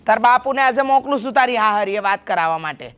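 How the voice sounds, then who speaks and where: A woman's voice: a little high, lively intonation, fast talker, a bit bright, clean tone. A woman playing a stern mother. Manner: stern, lecturing. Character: worried mother lecturing her daughter. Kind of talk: family drama acting.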